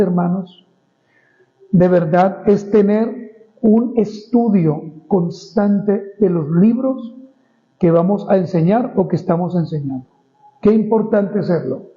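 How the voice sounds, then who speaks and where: A man preaching an expository Bible sermon as pastor, reading scripture slowly and emphatically and often addressing the congregation as brothers. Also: sits high, muffled recording.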